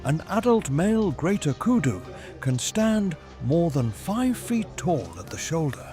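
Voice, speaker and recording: A man reads scripted nature documentary narration in a measured, formal storytelling manner. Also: on the high side, sing-song. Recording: music behind the voice. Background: background music.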